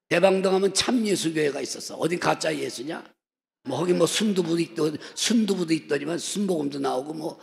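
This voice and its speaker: A man's voice: high-pitched, gravelly. A man in his sixties preaching a humorous revival sermon in a church, joking and slipping into dialect impressions. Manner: joking storyteller who slips into dialect impressions. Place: church sanctuary. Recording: long church-hall reverb.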